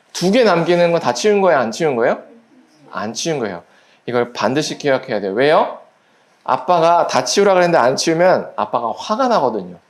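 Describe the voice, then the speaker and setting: A pastor giving a children's sermon at a church service, gently asking the children quiz questions and acting out little voices in the story. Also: mid-range voice. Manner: acts out little quoted voices while storytelling.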